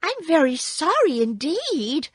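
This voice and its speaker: A woman voicing a proud, indignant small girl in a high voice. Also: sing-song, takes it slowly, dry recording, studio quality, exaggerated voice. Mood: frightened.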